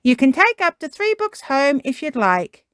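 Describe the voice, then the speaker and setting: A woman voicing a brisk, cheery female rabbit librarian in a children's storybook. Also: high-pitched, big pitch swings, a bit bright, no echo, clean studio sound, voice pushed up. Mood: helpful. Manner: brisk, calling out.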